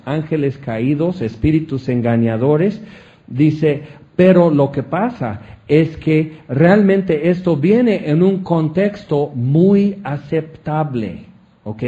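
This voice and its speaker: A man's voice: a little high, mellow. A man with a Mexican accent preaching a conversational sermon, chatty and often asking the audience questions. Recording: dull lo-fi recording.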